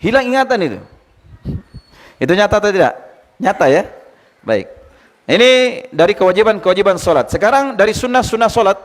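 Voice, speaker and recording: A male Islamic teacher giving a lively study lecture, quizzing his listeners and retelling anecdotes. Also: high-pitched, fairly quick, long pauses. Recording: long hall reverb.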